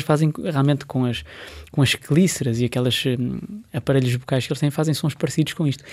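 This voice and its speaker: A man's voice: medium pitch, darkish tone, no echo. A man with a European Portuguese accent giving a conversational, discursive explanation, often checking in with short tag questions. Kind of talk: conversational explanation to a host and listeners.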